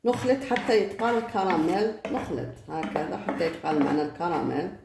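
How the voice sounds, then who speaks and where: Low-voiced woman giving cooking steps. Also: expressive, gravelly. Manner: slow, repetitive step-by-step instructions. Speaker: cooking channel host. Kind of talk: home cooking tutorial. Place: home kitchen. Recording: echoey kitchen, background noise. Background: pots and utensils clattering.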